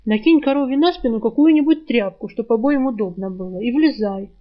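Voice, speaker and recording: A mocking, spiteful talking rat from a storybook, forever needling the girl who carries him, put on by a woman reading the book aloud. The voice sits fairly high. The recording sounds dull and lo-fi. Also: lightly acted. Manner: mocking, spiteful, quick with insults. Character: sly sharp-tongued male talking rat, sick and bound.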